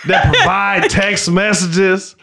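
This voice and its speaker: A young man hosting a casual comedy podcast, loud and joking, swinging between shouts and low mumbles. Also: sing-song, slow pace, vocal fry. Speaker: podcast host.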